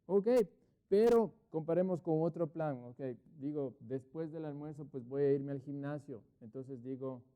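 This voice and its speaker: Spanish-speaking teacher over a thin phone-like line. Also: male voice, fairly high pitch, measured pace, clear, resonant tone. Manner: patient explaining, asks rhetorical questions, drops to writing pace on English examples. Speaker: English teacher. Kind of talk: online class explanation.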